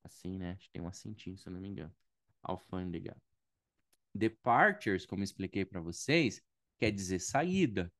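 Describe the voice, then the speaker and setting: A man's voice: sits low, expressive, moderate pace, a bit bright, no echo, studio quality. A man from Brazil teaching airport vocabulary in a casual online lesson, explaining patiently, checking in with his students often and thinking aloud. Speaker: English teacher.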